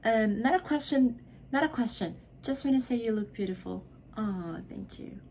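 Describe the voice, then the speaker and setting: This time the intoxicated Filipino vlogger sounds fairly high-pitched and animated, at normal speed with a darkish tone and a little hiss or hum. Speaking from her bedroom, the Tagalog-speaking young woman answers viewers while slurring, giggling and dropping into whispers.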